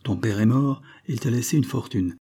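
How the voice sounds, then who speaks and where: A man's voice: mid-range voice, normal speed, mellow, slightly rough. A man reading and voicing a well-meaning male guardian who fumbles through an awkward explanation.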